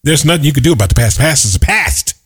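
A man's voice: a little high, expressive, racing, fairly bright tone, slightly rough. A middle-aged man giving an emphatic motivational talk, repeating his key points and telling stories. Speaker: motivational speaker. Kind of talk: motivational monologue.

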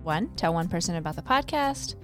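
A woman's voice: lowish voice, expressive, fairly quick, a bit bright, soft background music. A woman hosting a podcast, upbeat and giggly as she wraps up the episode. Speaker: podcast host. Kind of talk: podcast outro.

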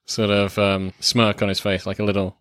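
A man's voice: lowish voice, level tone, moderate pace, fairly bright tone, no echo, studio quality. A man co-hosting a casual film review chat, laid-back and hesitant, with many fillers. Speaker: film review podcast co-host.

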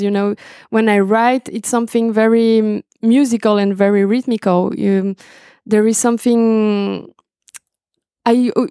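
Warm-voiced woman, halting speech. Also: on the high side, no echo, clean studio sound. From Brazil. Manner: halting, searching for words. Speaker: guest musician. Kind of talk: interview conversation. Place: home, indoors. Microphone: video call.

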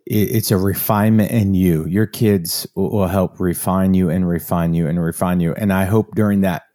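A man co-hosting a podcast in casual chat, speaking reflectively and haltingly, with frequent restarts. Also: sits low, fairly even intonation, warm tone, no room sound, clean studio sound. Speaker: podcast co-host.

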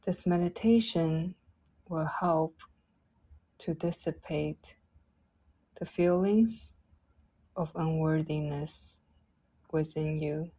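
Slow, breathy woman guiding meditation. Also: deep voice, steady tone, rough recording. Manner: soft, gentle, drawn-out phrasing. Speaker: meditation guide. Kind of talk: guided meditation.

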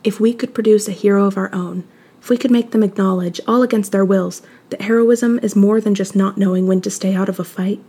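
Woman voicing a sneering male schoolmaster, soft purring menace, flat delivery, husky mellow tone, audiobook. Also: medium pitch, a little fast. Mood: scheming. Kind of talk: fan fiction audiobook reading.

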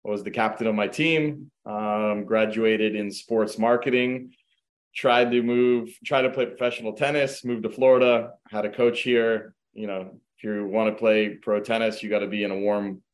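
A middle-aged real estate agent from Croatia, raised in the United States, joins a casual interview over a video call to share his background. His voice is on the low side at a moderate pace, and he tells his story in a relaxed way, full of fillers like um and you know.

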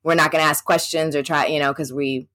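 Woman podcast guest, very low voice, reflective and conversational, dry room. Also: fairly even intonation, fast talker, fairly bright tone, no echo. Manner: reflective, conversational with "you know" and "like". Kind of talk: casual chat.

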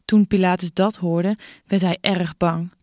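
A woman narrating a Bible passage in an even, measured way. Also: on the low side, no room sound, clean studio sound.

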